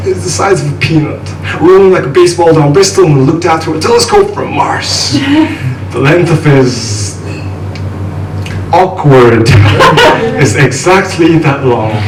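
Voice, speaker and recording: A man's voice: fairly high pitch, very animated, a little slow. Young man performing spoken word poetry. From Nepal. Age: young adult. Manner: rhythmic, intense, wry. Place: live venue with an audience. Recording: echoey room from a distance, noisy.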